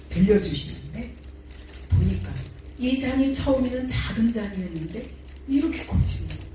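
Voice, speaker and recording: Woman preaching in an echoey church hall. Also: dark tone. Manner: emotional storytelling, pitch rising in climaxes. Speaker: preacher giving testimony. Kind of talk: testimony sermon. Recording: echoey church hall from far off, faint noise.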